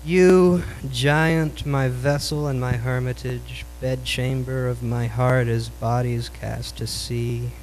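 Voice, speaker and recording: Even-toned man reciting cool beatnik poetry. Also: mid-range voice, slow, few pauses. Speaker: poet performing own poems. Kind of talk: live poetry recital in Beat style. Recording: noisy live recording with hum.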